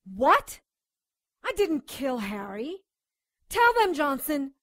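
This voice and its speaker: In a radio drama, a woman plays a feisty, outspoken doctor who also narrates her supernatural case in first person, her high, fairly bright, exaggerated voice very animated yet slow-paced. The recording is studio quality with no echo, and her mood is defiant and outspoken.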